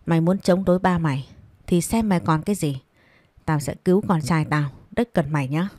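A spiteful middle-aged mistress taunts with a mocking edge, read by a woman narrator. The voice sits low and mellow, and the recording is close and dry. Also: brisk, no echo. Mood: sneering. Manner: sneering, taunting.

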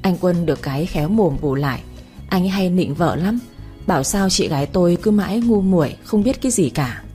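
A woman's voice: on the low side, animated, brisk, dark tone, soft background music. A woman narrating a family story in a plain, conversational way.

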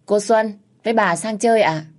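A woman voicing an eager young female servant girl in a spoken story, gossiping in a hushed, excited way. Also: fairly low pitch, moderate pace, close to an everyday voice.

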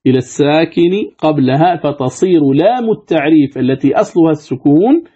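A male sheikh gives a recitation class in a fairly high, mellow voice. He poses questions and answers them himself, and he draws words out slowly for his listeners to copy. The lecture recording sounds dull and lo-fi. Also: lively intonation, slightly rough. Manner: repeats words slowly to model pronunciation. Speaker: sheikh teaching Quran recitation. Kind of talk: classroom lesson commentary on a text.

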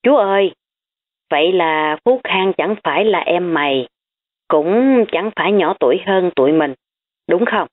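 A woman's voice: on the low side, animated, unhurried. A woman voicing a blunt, teasing young female student, on tinny phone-like audio. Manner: frank and teasing.

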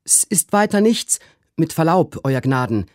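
A man's voice: measured pace, no room sound, studio quality. A man voicing an eager, deferential old male servant, a former corporal, in a literary reading. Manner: high, excited, bowing politeness.

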